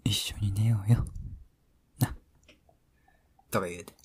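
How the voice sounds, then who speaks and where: A man with a Kansai accent playing a teasing, affectionate boyfriend at bedtime, in intimate ASMR role-play pillow talk with a soft, breathy voice. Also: on the low side, measured pace, slight background noise. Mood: playful coaxing. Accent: Kansai Japanese. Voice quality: breathy, soft, often dropping into speaks softly. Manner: playful, coaxing, mock-hurt.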